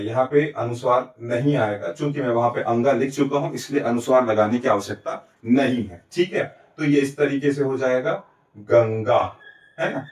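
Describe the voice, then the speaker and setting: A man teaching a Hindi grammar lesson with a Chhattisgarh accent, explaining step by step and answering his own questions. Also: medium pitch. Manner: often adds "ठीक है?" and "है ना?" to check understanding. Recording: echoey room, recorded from a distance.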